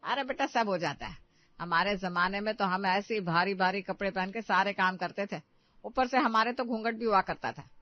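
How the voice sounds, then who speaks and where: A woman's voice: mid-range voice, moderate pace, no echo, close to an everyday voice. A bossy, old-fashioned mother-in-law who lectures in a firm voice, as a woman acts her out. It is a cartoon storybook part, recorded dry and slightly dull. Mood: lecturing. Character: traditional middle-aged mother-in-law, bossy and preachy.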